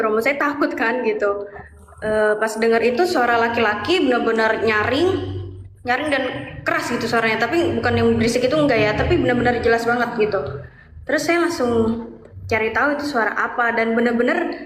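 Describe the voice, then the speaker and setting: A young woman speaks in a slightly high voice, earnest and full of fillers as she recounts her story. The room rings with a clear echo, and faint noise sits under her voice. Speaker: guest sharing her conversion story. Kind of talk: casual testimony.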